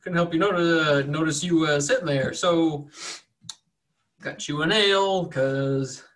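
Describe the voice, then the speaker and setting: A man's voice: a little high, a little slow, a bit bright. Man acting hesitant male barkeep, friendly, awkward, bumbling, tabletop game character.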